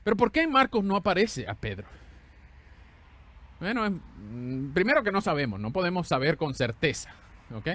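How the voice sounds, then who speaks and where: Male pastor, slightly high-pitched, animated sermon delivery that swings from exclamations to hushed lines. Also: moderate pace, long pauses. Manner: conversational, asks the congregation questions.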